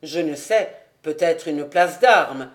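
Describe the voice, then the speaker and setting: A woman reading an audiobook, voicing a male army captain in a lowered, cool, measured tone. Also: lively intonation. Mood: calm. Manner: cold, measured, unhurried.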